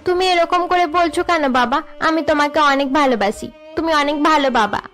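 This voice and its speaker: A woman's voice: sits high, normal speed, a bit bright, soft background music. A woman voicing a loving five-year-old girl in a cartoon, eager and pleading with her father. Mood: sweet pleading.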